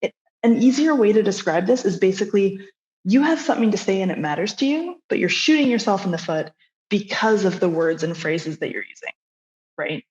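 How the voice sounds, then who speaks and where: A woman's voice: mid-range voice, animated, a little fast, darkish tone. Friendly woman running a live workshop, encouraging and casual, recorded with somewhat muffled sound. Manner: friendly, encouraging, conversational with fillers. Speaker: workshop presenter. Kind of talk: live online workshop talk. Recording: slightly dull lo-fi audio.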